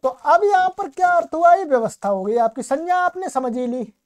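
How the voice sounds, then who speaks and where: A woman with a high-pitched, slightly mellow voice gives a recorded Sanskrit grammar lecture, animated and fairly quick yet patient and steady in her explanations. She repeatedly asks the class questions and answers them herself.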